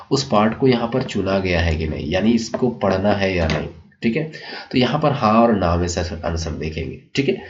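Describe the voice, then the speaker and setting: A male teacher walking students through a school syllabus, repeating checks like "okay" as he explains. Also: fairly low pitch. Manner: repeats "ठीक है" and addresses children warmly, explanatory. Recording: dull lo-fi sound.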